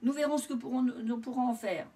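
A woman voicing a practical male farmer, brisk and matter-of-fact. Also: a little high, steady tone, mellow, distant mic, voice pushed up, close to an everyday voice. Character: practical middle-aged farmer man, rustic.

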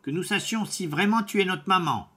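A man voicing a group of defiant young goat kids who shout back at the door. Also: high voice, fairly quick, voice pushed up. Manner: shouting in unison.

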